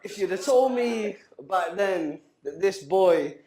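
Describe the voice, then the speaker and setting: Animated yet slow, a man in his thirties with a high-sitting, warm voice gives a tipsy, emotional, rambling best man speech, laughing between lines. His words echo through the wedding reception hall.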